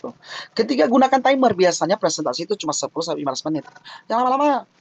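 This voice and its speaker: A man's voice: high voice, very fast, gravelly, low-quality recording. A man giving a casual, joking webinar talk on thesis defense tips, often acting out little mock quotes to make his points. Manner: jokey, lively, acts out mock quotes. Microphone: online webinar mic.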